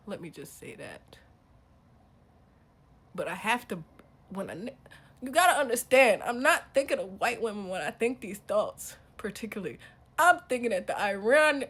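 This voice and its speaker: A woman vlogger in a casual, profane rant, swinging between low mutters and emphatic outbursts. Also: a bit bright.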